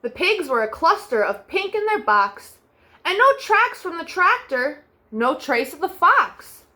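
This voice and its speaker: With an extremely high voice and big pitch swings, a young woman hosts storytime for kids, reading picture books in a soft sing-song way with lingering refrains.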